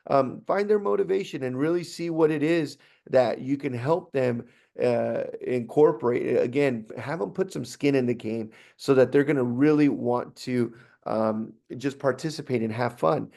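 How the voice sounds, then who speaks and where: A man talks staff through a training session in a relaxed, conversational way. His voice sits at an ordinary middle pitch. He often pauses on fillers and starts his sentences over. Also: gravelly. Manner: conversational, with frequent fillers and restarts. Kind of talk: instructional talk to staff.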